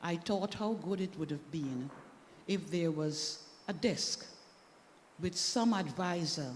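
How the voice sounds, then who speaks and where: A woman's voice: on the low side, takes it slowly. A woman speaking as a panelist in a church discussion, earnest and emphatic. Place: church hall. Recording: echoey hall, faint background noise.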